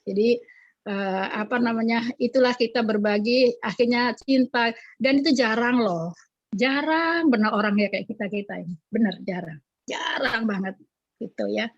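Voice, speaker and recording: A woman with a slightly high voice speaks with feeling and keeps breaking into religious exclamations. She is calling in on a phone from her garden. The sound is dry and dull. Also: normal speed, dry recording. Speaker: caregiver of special-needs children. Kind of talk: casual live chat. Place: garden, outdoors.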